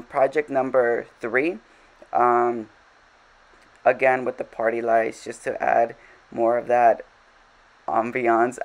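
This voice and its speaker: A man's voice: medium pitch, creaky, rough recording. A man giving casual, rambling commentary over his game, full of fillers and self-deprecating asides. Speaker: game vlogger.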